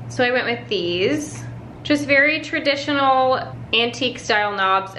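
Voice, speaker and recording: A woman's voice: fairly high pitch, sharp tone, a little hiss or hum, rough recording. A woman chatting casually to camera as a home makeover vlogger, explaining her DIY steps in an informal way.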